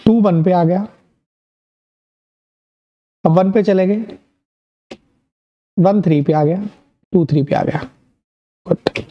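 Male maths tutor, Indian accent, encouraging online-lesson delivery, slightly muffled recording. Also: high voice. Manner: upbeat, encouraging, asks and answers his own questions. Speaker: maths teacher.

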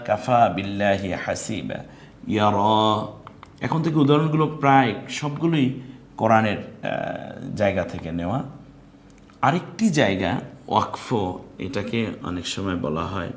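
A man's voice: lowish voice, animated. A man with a Bangladeshi Bengali accent teaching Quran recitation in a live online lesson, explaining patiently and drawing out example words. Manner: explains slowly, then draws out sung example words. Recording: echoey room with faint noise.

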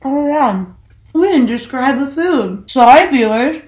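A woman's voice: high-pitched, measured pace, reverberant. A woman co-hosting a casual mukbang eating show, joking and punning as she talks. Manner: playful, punny, animated. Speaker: mukbang co-host.

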